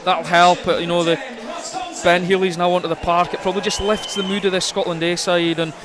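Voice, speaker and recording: A man with a high voice and little pitch variation offers live rugby co-commentary a bit fast, conversationally stringing his analysis together. The outdoor recording carries stadium crowd noise behind him.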